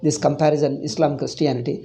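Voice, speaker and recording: A man's voice: on the high side, fairly even intonation, racing, gravelly, dark tone. A man in his sixties with a South Indian accent, teaching in an informal discourse, emphatically repeating his phrases. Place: small indoor room. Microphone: clip-on lapel mic.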